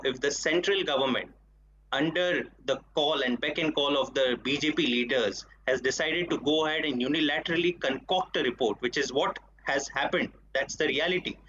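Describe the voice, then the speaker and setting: Male political spokesperson, Indian accent, somewhat high voice. Assertive debater on a dull remote feed. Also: a bit bright, slightly rough. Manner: assertive, argumentative. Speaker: party spokesperson, debate panellist.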